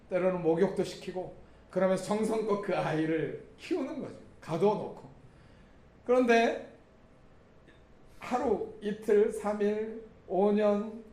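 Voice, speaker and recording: A man preaching a Sunday sermon in a slightly higher-than-usual voice. He talks earnestly to the congregation, with frequent filler pauses. The sound rings in an echoey church room. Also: a little mellow, a little hiss or hum. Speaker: pastor. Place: church sanctuary.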